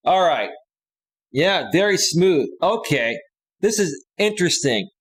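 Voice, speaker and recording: A man's voice: sits high, expressive, measured pace, husky, poor audio. Rambling man in his forties hosting. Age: 40s. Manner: rambling, with frequent restarts and fillers. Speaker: live stream host. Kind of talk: casual live stream talk.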